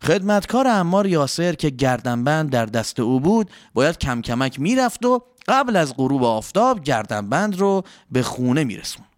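A man hosts a children's story show, his voice sitting a bit high for a man. He narrates expressively and speaks straight to the young listeners. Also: hardly any pauses, dry recording, studio quality. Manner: warm, expressive, addresses listeners directly.

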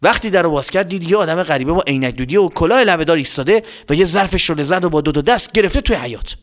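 A man with a fairly high voice narrating a children's story. He tells it expressively, speaking straight to young listeners and building suspense. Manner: lively, expressive, addressing children.

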